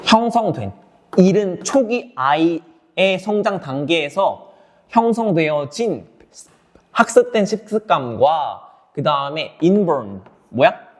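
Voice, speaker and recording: A male English teacher talks through a reading passage, asking his students questions and answering them himself. His voice sits a little higher than most men's. A faint hiss and a few clicks run under the recording. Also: sing-song, takes it slowly. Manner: explains sentence by sentence, asks and answers his own questions; switches between English words and explanation, addresses students directly. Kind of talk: online exam lecture.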